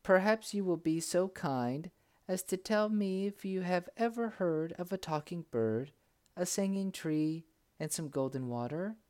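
A woman's voice: deep voice, lively intonation, unhurried, a little mellow, voice pushed up. A man voicing a brave young princess in disguise who speaks politely and firmly. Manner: polite, resolute.

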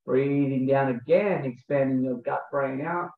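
A male breathwork coach, appearing as a guest, leads a guided breathing meditation in slow, spaced instructional phrases, then shifts into casual explanation. His voice is mid-pitched and creaky, and the recording sounds thin and phone-like with a roomy echo.

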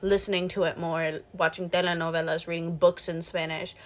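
A young woman co-hosts a podcast, chatting casually in an informal, slangy way with mild swearing. Her voice is fairly low, level in tone and fairly quick.

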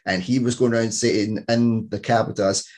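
A Scottish man in his thirties hosts a casual podcast interview, rambling through stories with many restarts. His lowish, darkish voice holds a steady tone at a normal speed.

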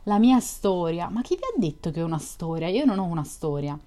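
A shy, solitary young male dreamer, earnest and wistful, as a woman narrator reads him. The voice is lowish and mellow and carries a reflective, storybook telling. It stays measured and sincere. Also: sing-song. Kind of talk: audiobook reading of a novel.

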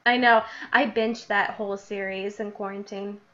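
A young woman hosts a podcast, chatting casually and reading from her childhood diary, giggling and laughing often between readings. Her voice is medium-pitched at a normal speed, and she's animated; she lives in New Jersey and grew up in Illinois. The podcast audio is dull and lo-fi.

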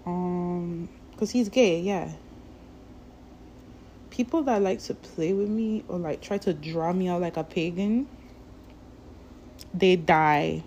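A woman rants straight to her viewers in a slow, drawn-out and rambling way, swearing freely. Her voice is low, dark and gravelly with plenty of fry, and her words drag out at an unhurried pace. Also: slight background noise. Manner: profane, rambling, drawn-out delivery. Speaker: vlogger. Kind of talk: casual ranting monologue.

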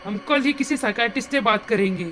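A woman voicing an angry, frustrated middle-aged father who shouts and scolds his wife and daughter in a horror story. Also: extremely high pitch, fast, a little hiss or hum. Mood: angry shouting.

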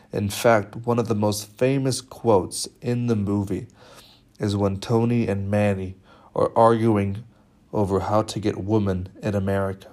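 A young man with a fairly low, darkish voice presents a media studies film analysis. His delivery is measured and slightly halting.

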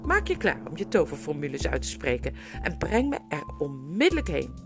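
Voicing a proud, cruel adult queen in an audiobook, a woman sounds haughty, commanding and scornful. Her medium-pitched voice is gravelly and pushed up, swinging widely in pitch at a moderate pace. Music plays beneath her.

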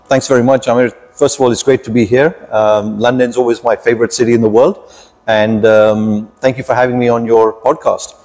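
A man in his fifties, a podcast guest telling his story in a measured, reflective way with frequent pauses. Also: medium pitch, little pitch movement, darkish tone. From United Kingdom. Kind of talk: podcast interview.

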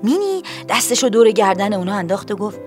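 A woman narrating a children's audiobook in an expressive, playful way. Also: medium pitch, faint music behind.

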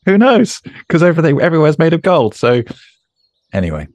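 A man's voice: on the high side, huge pitch swings, fairly quick, a little mellow, no room sound. Chatty, joking man hosting. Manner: rambling, jokey and self-deprecating. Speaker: podcast host. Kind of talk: casual conversational interview.

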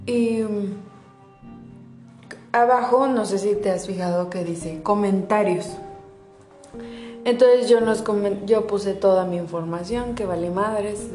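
Young Mexican woman, vlogger, warm mellow voice, swears freely and talks straight to camera, in a roomy room. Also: mid-range voice. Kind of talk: casual monologue to the viewer. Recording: roomy echo.

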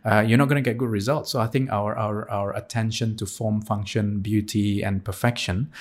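A man in his forties who grew up in Singapore talks through his answers in an unhurried, reflective interview manner. His voice sits a little low, and he often pauses with fillers and restarts his sentences before landing on a point. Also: fairly even intonation. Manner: thoughtful, with frequent hesitations and restarts. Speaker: surgeon guest.

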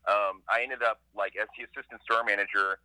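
A man from Ohio, a comic creator, telling stories as a podcast guest in a quick, animated way with lots of "like". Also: lowish voice, dry recording, rough recording. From Ohio, USA. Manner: rapid, animated, heavy use of "like". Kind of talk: casual interview storytelling.

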